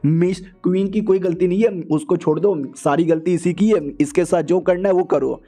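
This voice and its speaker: A man voicing a cowardly male editor who flatters the powerful and bullies the weak. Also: sits high, normal speed, soft background music. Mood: sneering servility. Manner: fawning, then harsh and rude.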